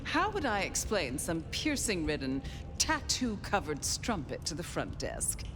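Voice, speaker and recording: Languid, haughty vampire elder, swooping delivery. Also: female voice, lowish voice, big pitch swings, unhurried, music in the background. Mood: fastidious, condescending. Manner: languid, condescending, drifting into trance-like reverie. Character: haughty, eccentric ancient female vampire elder, imperious and dreamy. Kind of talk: dramatic video game acting.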